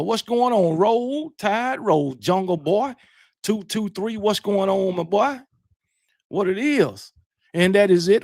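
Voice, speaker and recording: A man's voice: high-pitched, creaky, dry recording, clean studio sound. A middle-aged man, casually hosting a late-night livestream, greeting viewers with slangy banter. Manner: relaxed, shout-outs, slangy banter. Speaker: livestream host.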